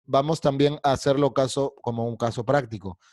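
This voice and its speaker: A man teaching an online English pronunciation class over a video call, patiently repeating words and stretching them out slowly with exaggerated sounds. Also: medium pitch, fairly even intonation, darkish tone, no room sound.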